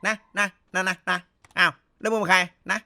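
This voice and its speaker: A man's voice: sits high, steady tone, normal speed, bright, forceful tone, slight background noise. A young man streaming a shooter game, cracking crude jokes and swearing through rowdy comedic commentary. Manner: rowdy, joking and crude, full of swearing and banter.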